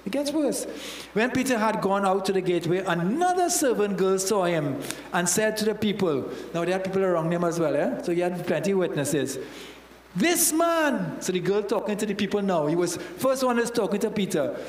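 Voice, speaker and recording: A Trinidadian-accented church elder in his fifties preaches a sermon into a handheld mic in a church hall with a stage, acting out Bible characters using local slang. His high voice is animated and fairly quick. The hall adds roomy reverb, along with a little hiss or hum.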